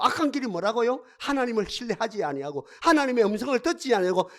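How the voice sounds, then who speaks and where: A man's voice: very high voice, a bit bright. A man preaching a sermon as pastor in a church, with repetitive, rhythmic refrains and emphatic delivery. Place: church sanctuary.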